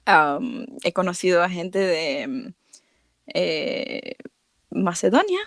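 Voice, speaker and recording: A woman from Venezuela with a Latin American accent talks as a podcast guest. She speaks at a mid pitch, warm and hesitant, often pausing on fillers. The sound is close and dry. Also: expressive, dry recording. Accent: Latin American Spanish. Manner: warm, hesitant, many fillers and soft laughs. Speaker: podcast guest, chemical engineer. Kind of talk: casual interview chat.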